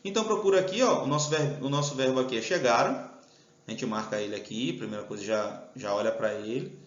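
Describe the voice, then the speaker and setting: A man's voice: medium pitch, quick pace. A Brazilian man talking through exam questions as a Portuguese teacher, chatty and checking in with his students often. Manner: chatty, checks in with "tá?" and "tudo bem?". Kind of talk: recorded exam walkthrough lesson. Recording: echoey room, dull lo-fi sound.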